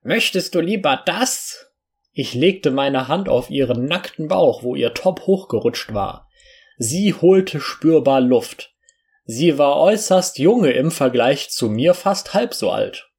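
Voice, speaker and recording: Slow, gravelly male story reader. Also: mid-range voice, animated, a little mellow. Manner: slow, unhurried reading with small slips. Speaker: narrator. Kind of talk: first-person audiobook reading.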